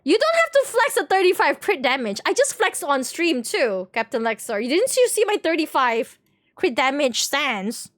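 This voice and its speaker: A high-pitched, sing-song woman with a fairly bright tone chats giggly and casually with stream viewers mid-game. She keeps a moderate pace, and the clean studio sound has no room sound.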